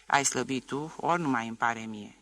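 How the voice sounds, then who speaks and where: A man's voice: mid-range voice, a bit bright, slight background noise, lightly acted. A man voicing a stubborn peasant man and former soldier, talking bluntly and insistently in an audiobook.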